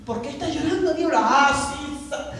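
Kind pastor guy asking whats wrong, done by a woman, high pitch, big echo from far away. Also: moderate pace, a bit bright. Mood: coaxing. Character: caring male pastor, gently teasing. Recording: echoey hall from far off.

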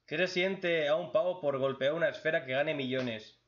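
A blunt, joking man from reads out viewer questions and answers them with crude humor in a casual chat. His voice sits a little high for a man. The recording is dull and lo-fi. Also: moderate pace.

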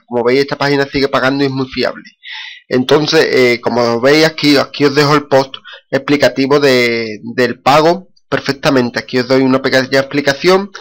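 A man's voice: mid-range voice, a bit bright. A man with a Spanish accent casually talking through his screen recording, with many fillers and restarts. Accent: Spain. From Spain. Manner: repetitive, frequent fillers and restarts. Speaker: screencast vlogger.

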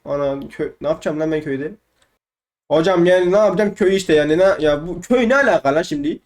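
Fast-talking young man narrating gameplay. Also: on the high side. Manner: fast, chatty, swearing playfully, repeats words. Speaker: gaming YouTuber. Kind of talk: casual let's-play commentary.

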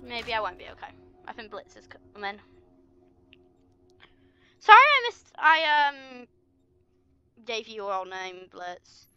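A woman's voice: medium pitch, a little slow, fairly bright tone, clean tone, muffled recording. A woman giving casual gameplay commentary, chatty and playful, teasing the game's monsters as she plays. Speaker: gaming channel host.

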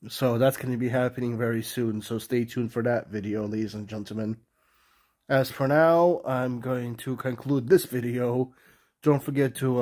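A man with a cold speaks nasally at medium pitch with a darkish tone, pointing his phone around his small, untidy bedroom for a vlog. The narration is rambling and unscripted, with restarts and fillers, and closes with a polite sign-off.

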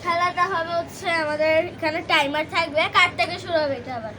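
A young woman hosting a food challenge, chatting excitedly and bossing and cheering the others on. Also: very high voice, brisk, a crowd in the background. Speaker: host of a food challenge video. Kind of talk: excited casual challenge chat mixing English words.

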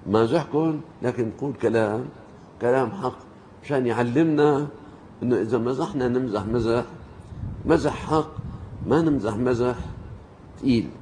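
A man preaching a sermon as an animated storyteller, acting out the people he quotes and rising in pitch to stress points. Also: moderate pace, long pauses, a little hiss or hum.

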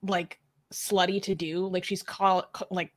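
A woman's voice: fairly low pitch, flat delivery, a little slow. A woman co-hosting a casual livestream chat, reading comments aloud, chatty and giggly with many fillers. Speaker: co-host reading live chat.

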